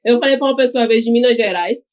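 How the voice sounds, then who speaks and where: Her words come rapid-fire in a higher voice: a podcast guest from Bahia, Brazil, a cachaça ambassador with a Bahian Portuguese accent. She's chatty, laughs a lot, and often tacks questions onto her sentences.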